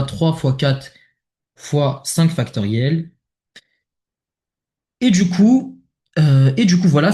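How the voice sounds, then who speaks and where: A man's voice: medium pitch, a little mellow. A man with a French accent talking casually through a math exercise step by step, thinking aloud with many fillers. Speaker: math tutor. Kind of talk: worked exercise explanation. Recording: echoey room.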